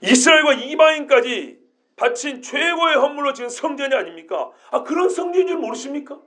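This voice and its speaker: A male pastor preaching an expository sermon, animated, throwing rhetorical questions at the congregation. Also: very high-pitched, fairly quick.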